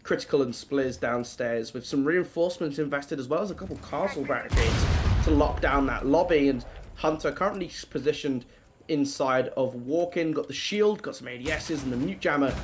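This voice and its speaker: A brisk man with a medium-pitched voice does play-by-play for a tactical shooter esports match. Between plays he chats and trades self-deprecating jokes with his co-caster, and the broadcast carries noisy game audio.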